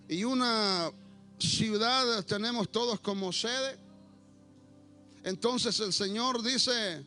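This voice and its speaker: A man preaching a Pentecostal sermon to a church congregation, swinging between shouted declarations and low, quiet asides, with a playful teasing streak. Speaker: pastor.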